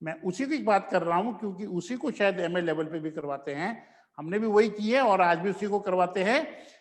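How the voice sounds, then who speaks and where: A man, teaching pronunciation in a slow classroom lecture that stretches out the example words. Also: sits high, animated, long reverb tail.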